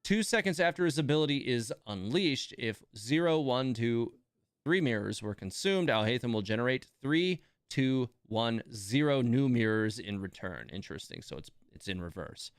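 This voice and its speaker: A man hosts a laid-back gaming stream, reading game text aloud and musing over it with asides. His medium-pitched voice has lively intonation, a moderate pace and a clean tone, recorded dry in a clean studio.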